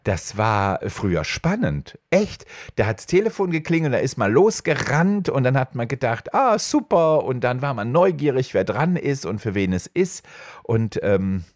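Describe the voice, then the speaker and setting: A middle-aged man hosting a podcast, telling stories in a casual chat and jumping high in pitch when he quotes people. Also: normal speed, no echo, clean studio sound. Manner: animated, jumps high when quoting others. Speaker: podcast host. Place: home studio.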